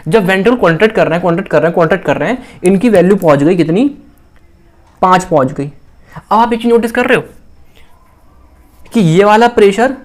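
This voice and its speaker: A man with an Indian accent giving a casual classroom-style physiology lecture, often repeating phrases and asking the listener questions. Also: on the high side. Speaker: physiology teacher.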